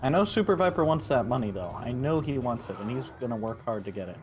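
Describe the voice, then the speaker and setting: A man co-commenting a video game race in a chatty, excitable way. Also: medium pitch, fast talker, over music. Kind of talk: casual esports commentary.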